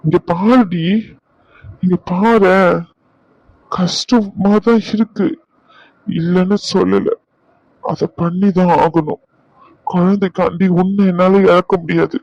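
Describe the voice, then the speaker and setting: A husband and vlogger with a high-pitched, darkish, steady voice talks unhurriedly, pausing often, as he pleads with and comforts his wife in an emotional couple vlog, repeating himself. No room sound; the recording is dull and lo-fi.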